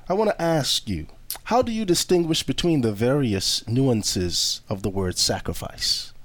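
A man hosting a religious study panel, speaking in a measured, reflective way. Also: medium pitch, lively intonation, no room sound. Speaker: host. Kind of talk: scripted opening, then panel discussion.

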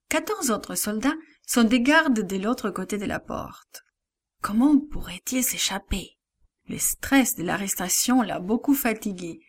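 A woman narrating a children's Bible lesson, speaking slowly and expressively and dropping to a hush at times. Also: medium pitch, husky. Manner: slow and expressive, with hushed asides.

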